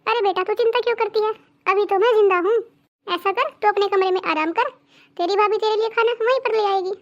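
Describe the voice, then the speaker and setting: Cartoon mother-in-law, domineering and loud, a woman voices her; very high pitch. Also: a little fast, lo-fi sound. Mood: scolding. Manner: scolding, loud and commanding. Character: bossy middle-aged Indian mother-in-law, favors her daughter. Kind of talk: cartoon voice acting.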